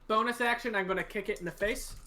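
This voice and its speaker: A man playing a character in a tabletop game, relaxed and a little halting. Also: high voice, crowd noise. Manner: relaxed, halting dice talk. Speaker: player. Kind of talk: casual tabletop play.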